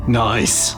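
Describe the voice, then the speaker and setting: Male reaction co-host, playful and teasing, animated swoops in pitch, loud soundtrack behind. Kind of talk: casual reaction commentary.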